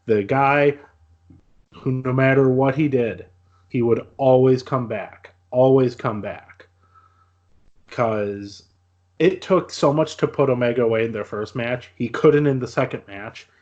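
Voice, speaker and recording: A man co-hosting a podcast, talking in a measured, earnest way in casual chat. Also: mid-range voice, darkish tone. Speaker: podcast co-host. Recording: dull lo-fi audio.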